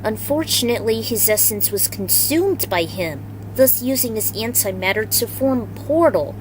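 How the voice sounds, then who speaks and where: A fan fiction reader, a woman with a slightly high, animated voice, narrates a dramatic fantasy story at normal speed and gives the characters their own voices. It's an amateur recording with background noise.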